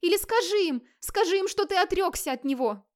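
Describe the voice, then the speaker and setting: A woman's voice: very high voice, expressive, a little fast, voice pushed up. A woman voicing a desperate wife who begs her husband through sobs. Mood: desperate pleading. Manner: pleading, sobbing. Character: desperate wailing wife, middle-aged woman.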